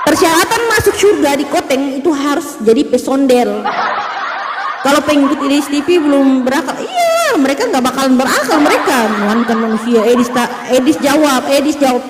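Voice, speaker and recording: A woman speaks into a phone on a religious livestream, mocking her opponents and laughing often as she addresses her viewers. Her voice is high and bounces around an echoey room with a long reverb. Clear background noise runs throughout. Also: big pitch swings, brisk. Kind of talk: casual livestream debate talk.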